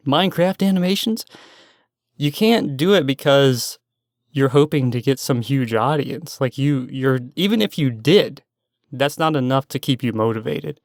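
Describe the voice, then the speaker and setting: A young man talks alone into the mic in a loose stream-of-consciousness monologue. He wanders, second-guesses himself and sometimes loses the thread. His voice is smooth and clear, at a middling pitch, recorded dry and close. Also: no echo. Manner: self-doubting, meandering, loses his train of thought. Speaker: solo podcast host.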